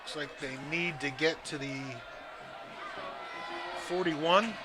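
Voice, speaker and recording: A man giving relaxed, chatty color commentary at a live high school football game, with joking asides. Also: slow, crowd noise. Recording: noisy outdoor broadcast recording.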